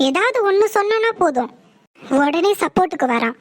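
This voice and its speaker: A woman's voice: extremely high pitch, big pitch swings, normal speed. A woman voicing a stern, scheming older mother-in-law in a cartoon, speaking in a bitter, scolding way. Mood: resentful. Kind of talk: cartoon voice acting.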